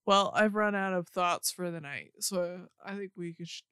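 A woman's voice: lowish voice, moderate pace, fairly bright tone, clear, resonant tone, dry recording, studio quality. A woman hosting a casual podcast, musing aloud in a rambling way, full of "like" and trailing thoughts. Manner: rambling, filler-heavy musing. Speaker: podcast host and streamer. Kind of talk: casual chat.

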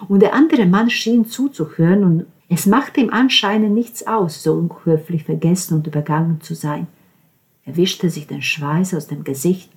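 Woman narrating an audiobook, low voice. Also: a little mellow.

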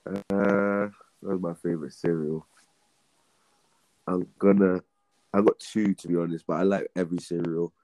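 A man's voice: sits low, steady tone, a little slow, pauses often, dark tone, no echo, rough recording. A man with a London roadman accent chatting casually as a podcast guest, using slangy street talk. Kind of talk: casual chat.

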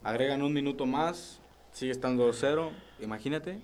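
A man's voice: medium pitch, brisk, a little mellow, a little hiss or hum. A man chatting casually as a football co-commentator.

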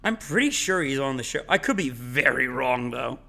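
A man co-hosting a podcast in casual chat, animated and opinionated, swearing freely, his voice cracking today. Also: mid-range voice, moderate pace, gravelly. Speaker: podcast co-host.

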